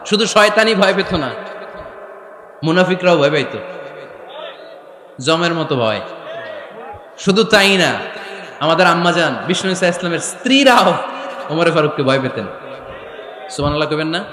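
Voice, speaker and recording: A man preaching a lively waz sermon, asking the crowd questions and acting out voices, recorded through a PA system a lot of echo. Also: on the high side, normal speed, pauses often. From Bangladesh. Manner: animated, acts out voices, asks the crowd questions. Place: outdoor religious gathering with PA system. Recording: echoey, long reverb from the PA.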